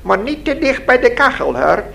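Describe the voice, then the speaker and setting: A man voicing a sly, sinister little man who boasts about carrying bombs, in a high, squeaky, sneering voice. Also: big pitch swings, moderate pace, gravelly, a bit bright, exaggerated voice. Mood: boastful. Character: sly sinister little man, cold-handed bomb carrier.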